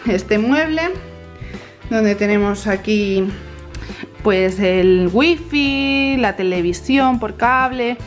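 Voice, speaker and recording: A young woman in her twenties giving a chatty, casual tour of her apartment, filmed on a handheld camera. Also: medium pitch. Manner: chatty, addresses viewers directly. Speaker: vlogger giving a house tour. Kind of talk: casual house tour narration. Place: small apartment living room, indoors.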